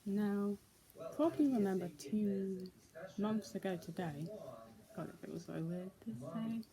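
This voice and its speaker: A young woman vlogs in a loose, rambling way and keeps circling back to "so, yeah." Her voice sits in an ordinary middle range. It is caught on a tablet's built-in mic, with the clear murmur of a crowd underneath. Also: mid-range voice, unhurried, low-quality recording. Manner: chatty, rambling, many "so, yeah" fillers. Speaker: vlogger. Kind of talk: casual unboxing vlog. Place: indoors in daylight.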